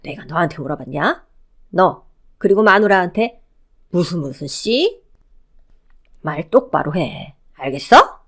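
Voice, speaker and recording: A woman's voice: medium pitch, expressive, moderate pace, lightly acted. A woman playing a harsh, bossy old mother-in-law. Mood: domineering. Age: older. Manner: scolding, barking orders. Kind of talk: Korean radio drama acting.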